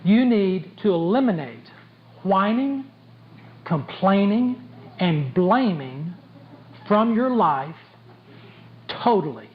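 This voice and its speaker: A man's voice: high-pitched, big pitch swings, slow pace, pauses often. A man giving a motivational speech to a sales audience, blunt and joking, repeating his key points for emphasis. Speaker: motivational speaker at a sales conference. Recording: dull lo-fi tape with faint background noise.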